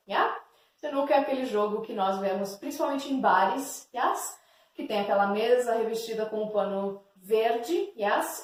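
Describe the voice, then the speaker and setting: A woman whose first language is Portuguese teaching an English lesson, slow and patient, checking in with "yes?" and "ok?" again and again. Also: a little high. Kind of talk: recorded online lesson. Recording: echoey room, distant mic.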